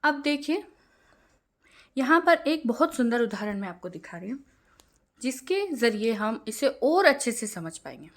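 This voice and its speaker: A young woman with a slightly high-pitched voice gives an online grammar lesson. She explains each point clearly and step by step. When she quotes a verse, she slows right down. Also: very animated. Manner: clear explanatory tone, recites verse lines slowly. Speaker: Hindi grammar teacher.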